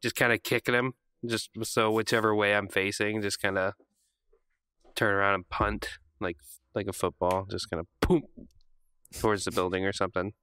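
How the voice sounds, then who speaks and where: Guy at a tabletop game, bright smooth voice, jumps up and down a lot, dry close mic. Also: on the low side, moderate pace, no echo. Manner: animated, laughs often, jokey. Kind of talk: casual tabletop role-play.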